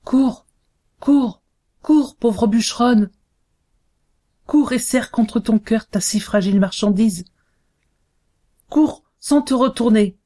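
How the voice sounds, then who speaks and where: A woman's voice: fairly high pitch, slow, long pauses, dark tone. A woman reading a story aloud in a lyrical, incantatory way, repeating phrases like a chant. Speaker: narrator.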